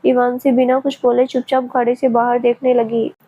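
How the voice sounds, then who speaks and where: A woman narrating a family story aloud in a steady, even reading, on a tinny, phone-like recording. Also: a little high, moderate pace.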